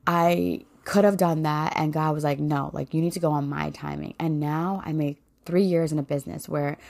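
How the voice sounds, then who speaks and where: A woman's voice: low voice, creaky, darkish tone. A woman in her thirties hosting a personal faith podcast, talking in a heartfelt, rambling way full of "like" and "you know". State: voice cracking with emotion. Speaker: podcast host.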